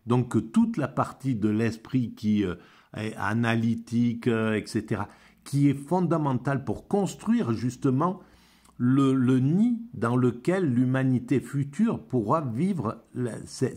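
A man rambling through a philosophy monologue, halting often and repeating words as he searches for them. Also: mid-range voice, a little mellow, husky. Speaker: amateur philosophy vlogger.

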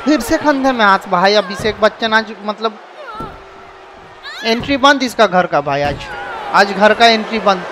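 A man giving excited, casual commentary over a wrestling video game and often shouting. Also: high-pitched, measured pace, long pauses. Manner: excitable, shouts often, calls people bhai. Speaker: gameplay commentator. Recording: noisy background with crowd sounds. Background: video game arena crowd and noise.

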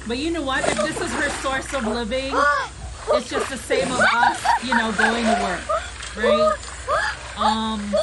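A woman with a high, sing-song voice hosts an online radio show over a video call, chatting casually and unhurriedly in lively exclamations as she reacts for her audience. The recording is very noisy.

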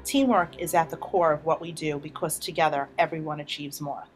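A woman from the school staff giving a formal, measured talk to camera. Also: sits low, steady tone, soft background music.

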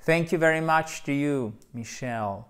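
A man's voice: a little high, a bit bright. French man teaching an English lesson. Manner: explains slowly, repeats words, checks in with "ok?". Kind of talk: video lesson.

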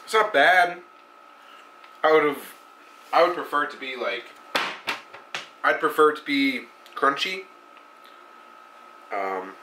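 Stuffy-nosed male cooking vlogger, relaxed and chatty, mid-pitched voice, noisy home recording. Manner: laid-back, talks through each step. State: stuffy nose. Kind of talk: casual vlog narration. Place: home kitchen.

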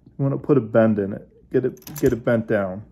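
A man hosting his own fishing channel, casually showing how he bends and adjusts a lure while he talks, in a relaxed hands-on way. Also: medium pitch, brisk, breathy edge. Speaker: bass angler, channel host.

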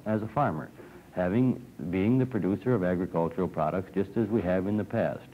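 Young man, low-ish voice, earnest panelist; dull 1960s studio film audio. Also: slight background noise. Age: young adult. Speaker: farm organization member. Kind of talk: TV panel discussion. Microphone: desk microphone.

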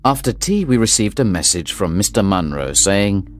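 Deep-voiced man narrating a story. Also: normal speed. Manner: steady, clear storytelling. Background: soft music.

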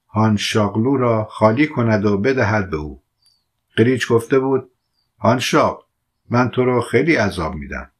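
A man reading a literary short story aloud as an audiobook narrator, measured and quiet, giving the dialogue light voices. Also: medium pitch.

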